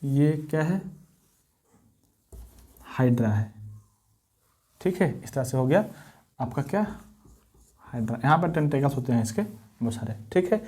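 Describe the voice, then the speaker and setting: A man's voice: medium pitch, animated, a little slow, long pauses, warm tone, slightly rough. A man teaching biology at a board, asking rhetorical questions, answering them himself and repeating key terms. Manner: repeats key terms, mixes Hindi and English. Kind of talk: blackboard lesson.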